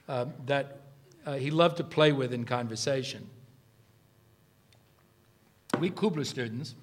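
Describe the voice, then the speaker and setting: An older man giving an academic lecture, partly read aloud, telling anecdotes with many fillers and restarts. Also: mid-range voice. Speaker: lecturer, former student. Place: lecture event, evening.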